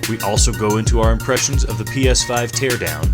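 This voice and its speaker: Man, scripted intro, measured announcer delivery, clear music behind. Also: lowish voice. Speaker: podcast intro narrator.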